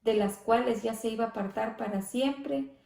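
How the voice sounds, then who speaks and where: A woman leading a church Bible study, speaking slowly and reverently, often adding amén and gloria a Dios. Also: a little high, fairly even intonation, creaky, dark tone, reverberant. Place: church hall.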